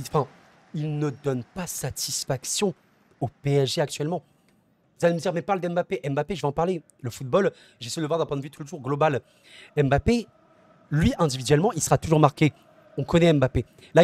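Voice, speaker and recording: Male football channel host, passionate solo debrief, addresses viewers as friends, slightly high pitch. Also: darkish tone, no room sound. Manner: repeats words and restarts phrases while thinking aloud.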